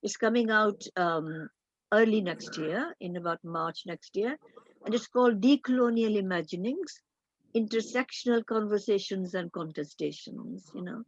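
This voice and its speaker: An older woman, a guest academic in a roundtable discussion, speaking in a measured, thoughtful way with frequent pauses. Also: medium pitch, no room sound, highs cut off.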